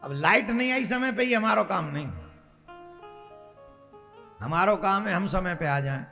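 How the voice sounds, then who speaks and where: Gravelly Braj-accented preacher, high voice. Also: male voice, a little slow, soft background music. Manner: rousing, urges crowd to cheer loudly. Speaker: spiritual storyteller. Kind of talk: devotional sermon.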